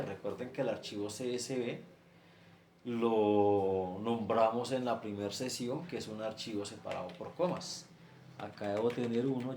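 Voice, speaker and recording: A man's voice: mid-range voice, darkish tone. A man lectures his students, circling through examples step by step. His voice sits in a reverberant room. A faint ambient hiss runs underneath. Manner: explains step by step with many filler examples. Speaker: teacher. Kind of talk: screen-share class lecture.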